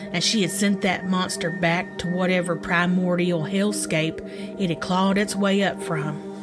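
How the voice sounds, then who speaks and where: A woman podcast host narrating a scripted ghost story in a theatrical, spooky storytelling manner. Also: on the low side. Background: background music.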